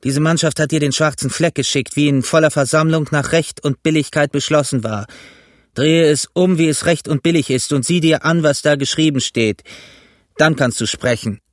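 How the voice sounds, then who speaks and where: A man doing a stern forceful pirate. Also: fairly high pitch, moderate pace, no room sound, pitched above the performer's own voice, natural voice. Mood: demanding. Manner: forceful, accusing. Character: stern tall male pirate, yellow-eyed.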